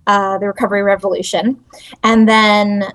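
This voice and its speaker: A woman's voice: mid-range voice, flat delivery, moderate pace, a bit bright. A bubbly, chatty woman calling in as a guest on a podcast, laughing often. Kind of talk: casual podcast chat. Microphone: call-in line over speakers.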